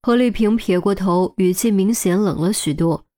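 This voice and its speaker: Mellow-voiced woman narrating a novel. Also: medium pitch, moderate pace. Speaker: audiobook narrator.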